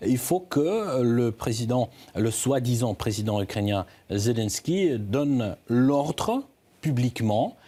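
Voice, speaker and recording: In a warm, mid-range voice with lively intonation, a male correspondent provides live news analysis. He hesitates often, his halting delivery marked by repeated restarts of words.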